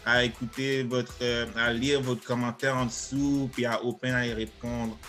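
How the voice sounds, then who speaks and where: Dude hosting a game chat, english slang everywhere, music low in the back. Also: male voice, little pitch movement, moderate pace, fairly bright tone. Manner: mixes English slang into French, hype-man energy. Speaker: host.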